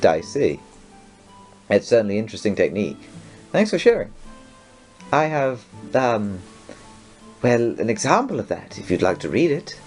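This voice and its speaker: A man voicing a shy, timid, bookish teenage girl in a let's play reading, soft and hesitant. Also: lowish voice, very animated, normal speed, long pauses, faint music behind. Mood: gentle.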